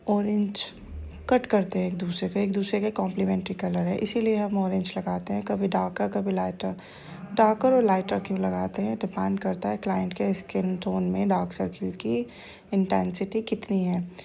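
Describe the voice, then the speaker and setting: A woman's voice: mid-range voice, creaky, dark tone. A woman makeup artist explaining a bridal makeup look step by step, switching between Hindi and phrases. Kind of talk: voice-over makeup tutorial.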